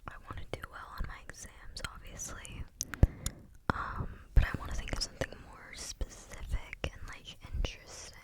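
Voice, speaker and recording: Young woman whispering right in your ear. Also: normal speed. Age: young adult. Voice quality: breathy, unvoiced whisper with clicky mouth sounds. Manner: close to the mic, as if right in the listener's ear; rambling, hesitant, unscripted. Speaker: ASMR video creator. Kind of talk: whispered ASMR ramble. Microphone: close microphone without cover.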